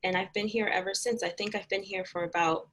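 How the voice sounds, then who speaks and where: A woman's voice: mid-range voice, steady tone, fairly quick, a bit bright, rough recording. A young woman answering interview questions about her job in a chatty, friendly way with lots of "um"s. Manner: chatty, friendly, many fillers. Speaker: guest, community health educator.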